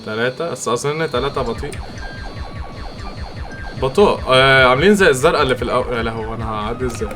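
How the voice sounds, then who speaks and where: A young man with an Egyptian accent commentating his own gameplay, excitable and quick to react loudly. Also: mid-range voice, over music. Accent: Egyptian Arabic. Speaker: gamer. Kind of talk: let's-play game commentary.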